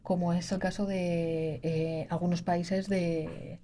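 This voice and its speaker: A woman's voice: on the low side, level tone, takes it slowly, crowd noise. A woman co-hosting a podcast, chatting casually and agreeably. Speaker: podcast co-host. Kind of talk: casual chat.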